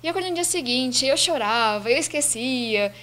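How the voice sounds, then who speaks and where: A woman's voice: high voice, expressive, normal speed, fairly bright tone, a little hiss or hum. An eighteen-year-old woman from Brazil tells her own story casually in an office, acting out the dialogue she quotes. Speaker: student telling her story. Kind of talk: casual personal account to camera. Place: office indoors.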